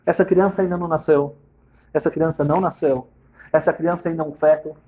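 A man's voice: steady tone, a little fast, a little mellow, lo-fi sound, lightly acted. A man voicing a stern rabbi ruling. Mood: firm. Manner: firm, low and decisive. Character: stern older male rabbi giving a ruling.

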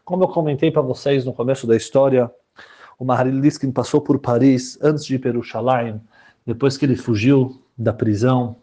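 A man's voice: mid-range voice, fairly quick. A man telling a story to a group, repeating phrases and acting out the dialogue. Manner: animated, repetitive, acts out dialogue.

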